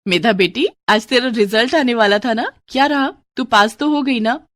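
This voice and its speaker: A woman voicing a gentle, caring mother who talks in a soothing, reassuring way in a storybook. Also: on the high side, normal speed, no echo, close to an everyday voice. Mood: eager. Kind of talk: storybook voice acting.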